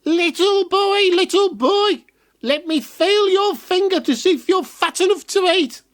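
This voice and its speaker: A man doing a shrill cackling witch. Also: fairly bright tone. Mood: gloating. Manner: shrill, slow and sneering. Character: cackling wicked old witch, cruel and greedy.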